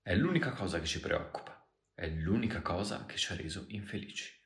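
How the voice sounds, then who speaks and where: Give me a man doing an insistent, reassuring American man with a very deep voice in an echoey room. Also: animated, brisk, creaky, fairly bright tone, heavily acted. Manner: reassuring, persuasive.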